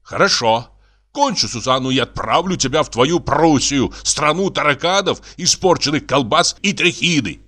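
A man voicing a hot-tempered painter who rants and shouts in an audiobook reading. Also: fairly high pitch, very animated, moderate pace, pitched above the performer's own voice. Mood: ranting. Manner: ranting, shouting.

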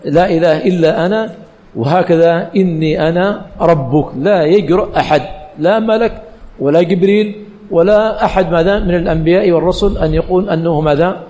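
A man's voice: high-pitched, brisk, mellow, in a large hall. A male religious teacher giving a classroom lecture, quizzing the students with questions that he answers himself and repeating key phrases.

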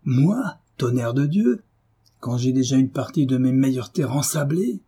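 A man's voice: medium pitch, lively intonation, unhurried, husky, heavily acted. A man voicing a brutish, hot-tempered middle-aged landowner who blusters and curses, in an audiobook. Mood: furious. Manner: blustering, cursing, shouting. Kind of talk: audiobook character reading.

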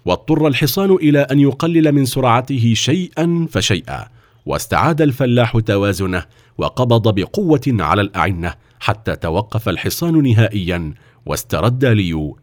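Low-voiced male storybook narrator. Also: dry recording, studio quality.

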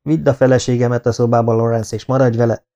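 A man's voice: mid-range voice, flat delivery, natural voice. A stern Norman baron, as a male narrator reads him. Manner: soft-spoken but hard-edged. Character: stern, controlled Norman baron, adult man.

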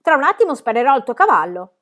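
A woman reading a storybook aloud, voicing a menacing male robber who shouts threats. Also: medium pitch, big pitch swings, a little slow. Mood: threatening.

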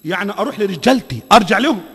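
Egyptian guy preaching, really high voice, hammers words over and over, reverb from the hall. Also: expressive, rapid-fire, a bit bright, breathy edge. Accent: Egyptian Arabic. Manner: emphatic, repeats phrases, quizzes the audience. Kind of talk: sermon.

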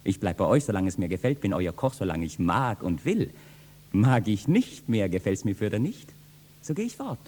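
An actor playing a bold, teasing young kitchen boy in a 1960s radio play, speaking classic verse with lively mockery. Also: on the low side, moderate pace. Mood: cheeky. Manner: lively, mocking, bursts into loud shouting.

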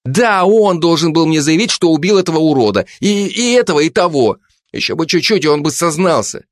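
A man voicing a brash, domineering female police investigator with a loud, scolding manner in an audiobook. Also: on the high side, expressive, brisk, dry recording, studio quality, pitched above the performer's own voice, natural voice. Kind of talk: audiobook character voice.

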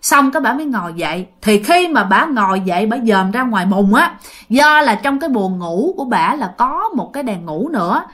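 A woman's voice: a little high, animated, brisk, fairly bright tone. A woman with a Southern Vietnamese accent telling a ghost story in a chatty way, addressing her listeners directly.

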